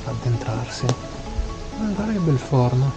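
A man's voice: mid-range voice, lively intonation, slow pace, lo-fi sound. Man chatting on a trail over music. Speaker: hiking vlogger. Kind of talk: casual vlog chat. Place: outdoors on mountain trail. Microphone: action camera at arm's length. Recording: music behind outdoor talk.

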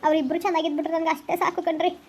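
Woman acting as a pleading village wife, high voice, flat quick delivery. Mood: earnest. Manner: pleading, earnest. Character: earnest, caring young village wife. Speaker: wife in a village family drama. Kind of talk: amateur family drama acting.

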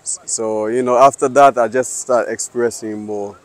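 A man in his thirties from Liberia, answering street interview questions outdoors in an earnest, halting way with many fillers. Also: mid-range voice, fairly even intonation. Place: sunny city square outdoors.

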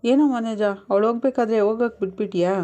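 A woman's voice: on the high side, fast, mellow, natural voice. Woman reading as a chiding middle-aged father.

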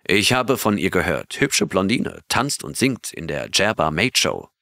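A man voicing a gruff, skeptical male expedition captain who speaks dryly. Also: low-pitched, big pitch swings, measured pace, sharp tone, no room sound, heavily acted. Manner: gruff, dry.

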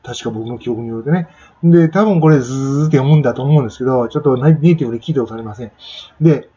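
A man's voice: mid-range voice, racing, warm tone, muffled recording. A man giving a casual spoken lesson on pronunciation, chatting and demonstrating sounds with exaggerated repetition. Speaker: English pronunciation teacher.

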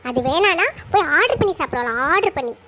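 A woman's voice: very high-pitched, expressive, fast talker, pushed and bright, exaggerated voice. A woman voicing a strict, grumbling middle-aged cartoon mother-in-law who nags and complains in Tirunelveli Tamil. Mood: scolding. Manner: nagging, complaining, bossy.

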